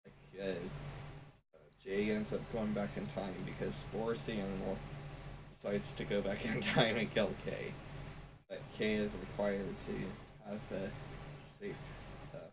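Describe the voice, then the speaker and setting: Slow-talking young man, noisy home recording. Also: on the low side, level tone. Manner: rambling, hesitant, with many fillers. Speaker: podcast co-host. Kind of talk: casual chat.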